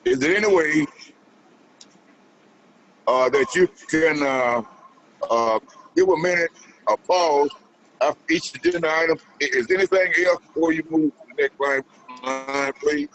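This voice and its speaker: A man, a council member, talking over a glitchy call that keeps breaking up, halting and repeating words. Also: fairly high pitch, a bit bright. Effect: glitchy call audio that keeps breaking up. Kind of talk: formal meeting business. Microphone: remote call connection. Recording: muffled, noisy call line.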